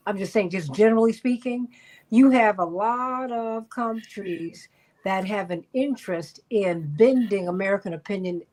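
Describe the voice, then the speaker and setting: A woman's voice: medium pitch, moderate pace, darkish tone. A woman hosting a radio panel talk show who speaks emphatically and repeats words for stress. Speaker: host.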